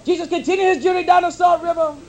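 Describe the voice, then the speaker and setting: A man's voice: very high voice, fairly even intonation, quick pace, a little mellow, raised voice. A man doing a stand-up routine as a preacher, with a preaching cadence and folksy slang on a live comedy stage.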